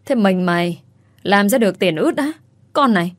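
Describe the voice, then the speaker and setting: A woman's voice: mid-range voice, lively intonation, normal speed, lightly acted. A woman voicing a harsh, bullying older mother-in-law who scolds with coarse words. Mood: scolding.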